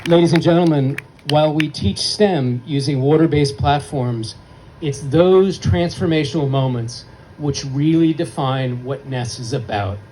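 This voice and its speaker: A man's voice: a little high, measured pace, mellow, slight background noise, poor audio. Earnest man giving an acceptance speech. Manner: earnest, heartfelt, emphatic list-making. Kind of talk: formal acceptance speech with storytelling. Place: award ceremony event.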